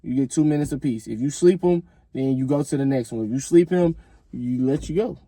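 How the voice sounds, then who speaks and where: A man's voice: medium pitch, fairly quick, warm tone, husky, dry recording. An American man chatting casually in a reaction video, emphatic and blunt, with street slang and heavy swearing.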